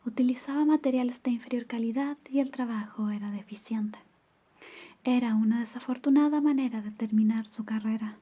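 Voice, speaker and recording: A woman playing a caring girlfriend in an ASMR ASMR role-play, softly and intimately reading bedtime stories in a breathy soft voice. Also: a little high. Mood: gentle, reflective. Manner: soft, intimate, slow storytelling.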